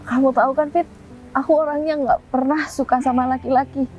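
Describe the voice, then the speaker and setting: A woman plays a young woman who has been lied to in love, bitter and close to tears. Her voice sits high, with soft music running under the scene. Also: fairly even intonation, fairly quick, lo-fi sound, lightly acted. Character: young woman, hurt and betrayed. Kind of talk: low-budget web drama acting.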